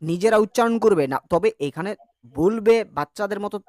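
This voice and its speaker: A man's voice: high-pitched, fairly quick, darkish tone, dry recording, studio quality. A man teaching an online grammar class, chatty and joking as he drills vowel sounds with his students.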